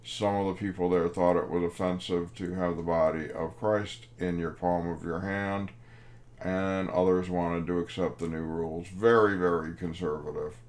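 A man's voice: low-pitched, fairly even intonation, moderate pace, a little mellow. A man in his fifties, a professor telling a wry classroom anecdote in a lecture. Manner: anecdotal, wry, acts out quoted voices. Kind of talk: storytelling lecture.

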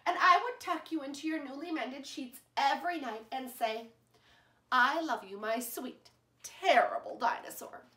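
A woman voicing a loving, patient mother who answers softly and reassuringly, in a roomy-sounding recording. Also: high-pitched, unhurried. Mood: tender. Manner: tender, reassuring storybook delivery. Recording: roomy echo.

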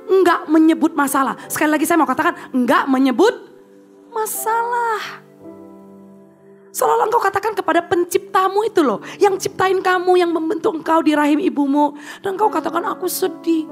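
A woman's voice: extremely high pitch, quick pace, faint music behind. A woman preaching a conversational sermon. She makes playful asides to the audience and acts out prayers in a pleading voice.

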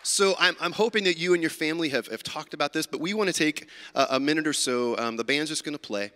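Leading announcements and prayer at a church service, a pastor speaks quickly and casually in a bright, forward voice on the higher side, full of fillers and restarts. On the livestream, his words ring through a large sanctuary with long reverb and slight background noise.

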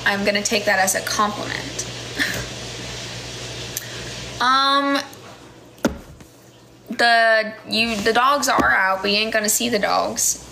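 Speaking slowly in a fairly high, creaky voice and pausing often, a woman in her twenties hosts a casual livestream, reading viewer comments with frequent laughter and fillers. She is from the United States and has a General American accent. The clip was captured on a phone camera held close up in a small indoor room, against a noisy background.

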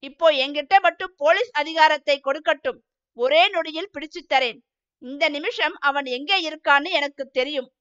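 A woman's voice: high-pitched, normal speed, a bit bright, lo-fi sound. Woman voicing a pleading, boastful old temple clerk. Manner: pleading, sobbing. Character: terrified older male temple clerk, boastful.

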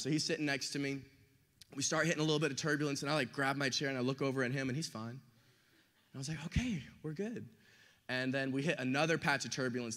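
A young man who is a youth pastor, preaching a sermon with animated delivery and acting out quotes and stories. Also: medium pitch. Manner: animated, acts out quotes and stories with big swings in loudness. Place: church hall. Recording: reverberant hall.

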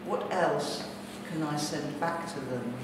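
Heard from afar in a very echoey, noisy gallery hall, a British woman with a low voice talks slowly and deliberately. She's a poet and seminar speaker offering a poetry reading and reflective talk to an audience in a large bare brick-walled room indoors, recorded on a distant camera microphone.

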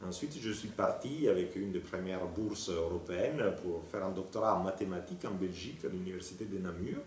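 A man's voice: low-pitched, brisk, darkish tone, far from the mic, a little hiss or hum. A man, explaining his research in a thoughtful interview with some hesitations, filmed in an office with bookshelves. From Italy. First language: Italian. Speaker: planetary scientist. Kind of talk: interview monologue. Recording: roomy, from off-mic.

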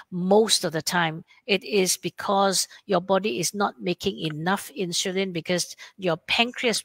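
Speaking with a Malaysian English accent, a woman endocrinologist answers webinar questions, explaining plainly and acting out what her patients say. Her voice is fairly low-pitched with a fairly bright tone and no echo.

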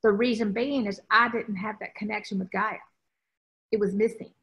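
A woman spiritual teacher in casual chat, animated, acting out quoted voices with many restarts. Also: mid-range voice, moderate pace, husky, poor audio. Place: outdoors on an island.

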